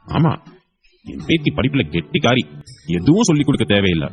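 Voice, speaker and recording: Gentle older grandfather, coaxing and fond, read by a man. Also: mid-range voice, very animated, brisk, faint music behind. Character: kindly grandfather, proud and gentle.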